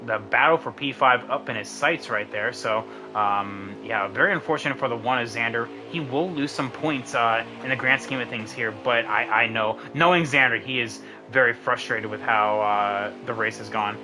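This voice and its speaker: A man's voice: medium pitch, normal speed, hardly any pauses, music in the background. A young man with a sick voice giving casual, filler-heavy live commentary on an online sim race. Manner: casual, many fillers, excited at race finish.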